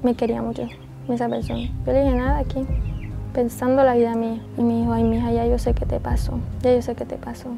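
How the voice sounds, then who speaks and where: A woman's voice: on the high side, completely flat delivery, quick pace, creaky, music in the background. A young woman telling her own hard story in an interview, acting out the lines of the people in it. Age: young adult. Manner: recounts dialogue, acting out voices of others. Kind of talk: emotional personal testimony.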